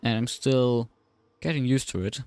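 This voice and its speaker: A man speaking with braces that make his S sounds slightly off, chatting casually and commentating on a livestream in a low-key, dryly sarcastic way. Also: measured pace, a little mellow. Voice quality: slightly slurred, odd S sounds from new braces. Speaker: livestreamer and sim racing commentator.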